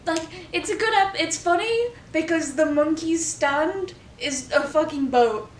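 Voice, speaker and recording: A British woman chatting casually with dry, deadpan jokes. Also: very high-pitched, unhurried. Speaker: guest, film crew member. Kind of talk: casual chat. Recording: echoey room from a distance with faint noise.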